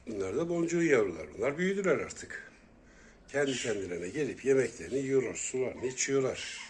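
A man's voice: mid-range voice, big pitch swings, fairly quick, a little hiss or hum. A man talking casually to kittens, coaxing and cooing as he calls them over. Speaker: vlogger tending kittens.

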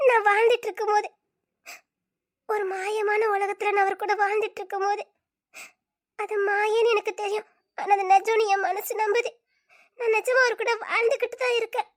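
Woman doing earnest teary young woman, super high voice, audio drama. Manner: tearful, earnest. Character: young woman refusing a friend's love.

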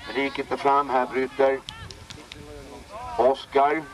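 A man giving live play-by-play commentary on a local football match outdoors, excitedly calling out player names. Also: medium pitch, recorded from a distance.

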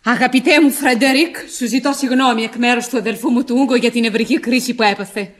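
An actress playing a prim, easily shocked sister in a radio drama, speaking indignantly. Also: female voice, a little high, fairly even intonation, natural voice. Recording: old radio archive recording.

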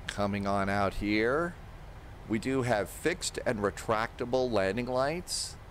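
This older man, in his sixties, has a fairly low voice and takes his time, narrating his own steps aloud as he casually explains a flight simulator. A close desk mic picks him up in a home streaming room, over the constant hum of simulated aircraft engines and cockpit sounds.

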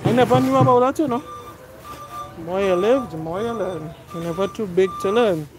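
Pushing a cart through a big warehouse store with her phone camera in hand, a middle-aged vlogger chats with viewers and calls out prices. She speaks a little fast in a mid-range voice, with loud music behind her on a low-quality recording.

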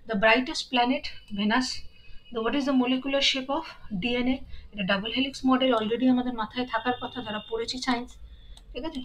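A woman with a Bengali accent teaching an exam-prep lesson, reading questions out slowly and then explaining the answers briskly. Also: fairly high pitch, steady tone, rough recording.

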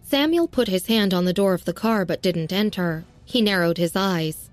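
A woman narrating a serialized audio story in a steady, even reading. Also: mid-range voice, moderate pace, soft background music.

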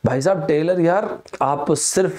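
Slightly high, a bit slow and a little mellow, this voice belongs to a young Indian man running a lively online Hindi vocabulary class. He acts out himself and his students with playful flair and borrows lines from films.

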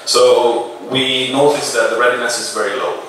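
A man in his thirties gives a casual, hesitant keynote on a big auditorium stage, holding a handheld mic and saying "uh" a lot. His mid-range voice is steady, moderately paced, and a bit bright. The camera mic sits far back in the echoey hall, picking up slight hiss or hum.

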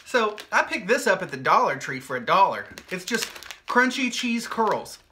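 A young man talks straight to his viewers in a loose, joking vlog style. He rambles cheerfully and fills his talk with "uh" and "like". His voice has a bright, forward edge. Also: high voice, very animated, moderate pace, a little hiss or hum. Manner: upbeat, jokey and rambling, with many fillers. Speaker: hot sauce maker and video host. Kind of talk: casual chatty vlog.

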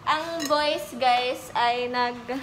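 A woman's voice: on the high side, drawn-out words, noisy background. A young woman vlogger chatting casually through a face mask, mixing English into her Filipino. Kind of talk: casual vlog chat. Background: loud music.

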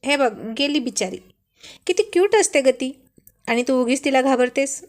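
A woman voicing a playful young husband who calmly teases his wife in a light, joking tone. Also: sits high, normal speed. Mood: amused. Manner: light teasing tone.

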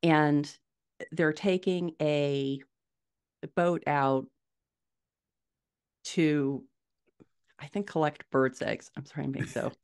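A middle-aged American woman speaks slowly and pauses often in a low, smooth, slightly mellow voice with fairly even intonation. As a guest author on a casual podcast, she thinks aloud while explaining, recorded over a video call with a desktop mic in a home room.

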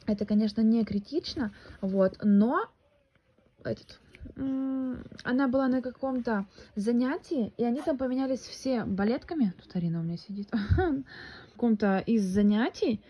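This is a relaxed vlog from a room at home: a young woman, a mother, speaks into a phone at arm's length, meandering with fillers and restarts. Her somewhat high, slightly rough voice keeps a moderate pace, and the audio sounds dull.

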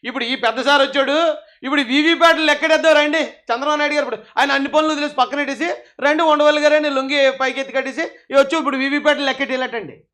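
A man's voice: very high voice, sharp tone. A man giving heated political commentary, mocking and scolding his opponents in a sarcastic, taunting way.

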